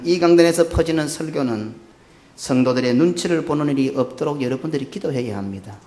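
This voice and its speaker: A male pastor with a Busan Gyeongsang accent delivers a sermon in a fairly high voice. He moves between low, earnest stretches and loud, excited bursts. The sound rings through an echoey church sanctuary.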